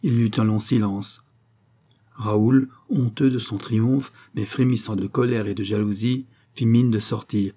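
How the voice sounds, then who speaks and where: A man reading a classic novel aloud as an audiobook narrator. His voice is husky and dark, and his delivery is measured and theatrical. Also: on the low side, steady tone.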